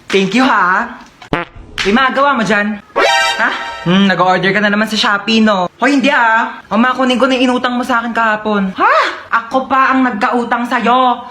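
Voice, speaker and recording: A woman's voice: fairly high pitch, moderate pace, sharp tone, faint music behind. A woman performing comedy skits, switching playfully between several everyday characters. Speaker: comedy sketch creator.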